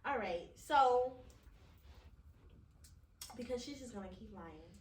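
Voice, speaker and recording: A woman's voice: on the high side, expressive, slow. A woman from Hawaii co-hosting a casual podcast chat, teasing, emphatic and swearing freely, laughing often. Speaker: podcast co-host. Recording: roomy, distant mic with faint noise.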